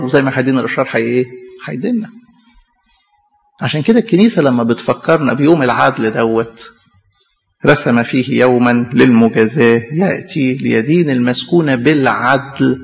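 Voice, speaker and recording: A man with an Egyptian Arabic accent preaches a sermon in a gravelly, medium-pitched voice. He's emphatic, posing rhetorical questions and answering them himself, and the audio is dull and lo-fi with hall echo.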